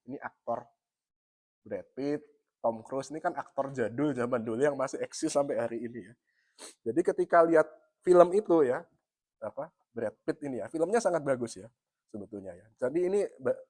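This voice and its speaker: A middle-aged pastor from East Java, Indonesia, speaks with a Javanese accent in a mid-range, darkish voice, recorded with no room sound. His sermon is easy and chatty, with "ya" tagged onto nearly every phrase. He frequently addresses the congregation directly.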